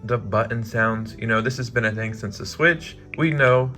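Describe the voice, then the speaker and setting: A man talks through console tips in a casual vlog, his voice bright and forward. He is upbeat and chatty, leaning on "like" and poking fun at his own slips. Soft music plays faintly behind him. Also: mid-range voice, normal speed. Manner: upbeat and chatty, heavy use of "like"; self-deprecating, laughs at own slips. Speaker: gaming YouTuber.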